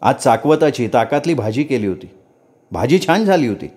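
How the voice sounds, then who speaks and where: A man reading a story aloud in an expressive first-person narration. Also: medium pitch, moderate pace.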